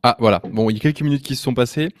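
A man giving a casual, enthusiastic screen-recorded software demo as a web design trainer, chatty and full of hesitant fillers. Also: medium pitch, rapid-fire, no room sound, studio quality.

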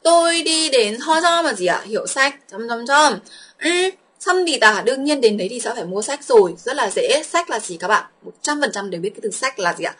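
Fast-talking husky woman teacher. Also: a little high, lively intonation, fairly bright tone. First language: Vietnamese. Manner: quick, coaxing, asks students questions. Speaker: Korean language teacher. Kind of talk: exam walkthrough lesson.

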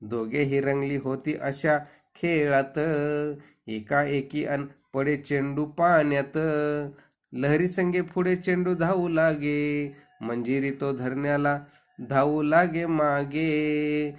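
A man's voice: fairly high pitch, steady tone, takes it slowly. A man singing a children's poem and telling a rhymed story in melodic recitation. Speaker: storyteller and singer.

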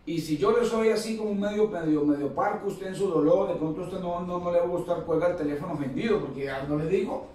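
A man's voice: sits high, quick pace, hardly any pauses, darkish tone, a little hiss or hum. A man preaching a sermon in a conversational way, repeating phrases and asking for amens. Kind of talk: Pentecostal-style sermon. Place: church hall. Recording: echoey hall, mic far off.

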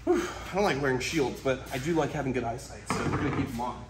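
A young adult man hosts a casual wildlife vlog as a snake keeper, bringing playful, enthusiastic energy in a medium-pitched, animated voice at a quick pace. He is in an indoor reptile room with a concrete floor, so the recording is echoey, with a noisy background.

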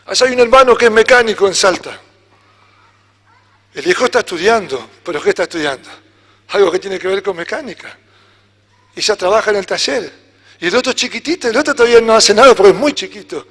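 A man with an Argentine Spanish accent preaching a sermon as pastor, animated, acting out little dialogues. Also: high voice, brisk, pauses often. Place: church hall. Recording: church hall reverb.

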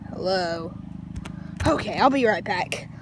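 Brief: woman host of a goofy gaming video, high and bouncy, stammering, faint hiss behind. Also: expressive, normal speed. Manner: giddy, stammering, jumpy. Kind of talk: silly gameplay commentary.

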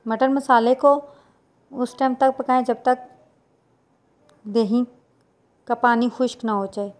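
A woman, talking viewers through a recipe step by step in a plain, unhurried voice-over. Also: a little high, steady tone, darkish tone. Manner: plain instructional, unhurried with small restarts. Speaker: cooking channel host.

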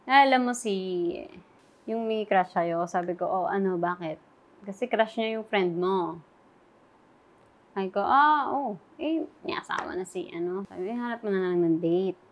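A young adult woman, an interview guest, softly recounting a painful relationship story and quoting past conversations. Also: mid-range voice. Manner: soft, recounting quoted dialogue. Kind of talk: emotional personal interview.

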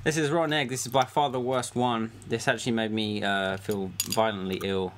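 A man's voice: on the low side, steady tone, brisk. A young British man bantering casually with friends during a taste challenge, picked up on a shared desk microphone. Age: young adult. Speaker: participant in a taste challenge video. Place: small wood-panelled room indoors. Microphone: shared desktop condenser microphone. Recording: clearly noisy room, clicks.

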